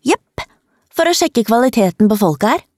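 A bold, teasing young schoolgirl who loves to surprise people, put on by a woman reading a storybook. She speaks brisk and sure of herself, in a raised, bright voice with a dark warm undertone. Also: a little high, expressive, dry recording, studio quality, voice pushed up, lightly acted. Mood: self-assured.

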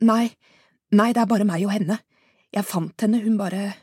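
A woman's voice: lowish voice, gravelly, darkish tone, husky, no echo, clean studio sound, exaggerated voice. A woman narrator voicing a panicked caller reporting an attack in an audiobook. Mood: frantic. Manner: frantic, sobbing pleas. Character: panicked caller at a crime scene.

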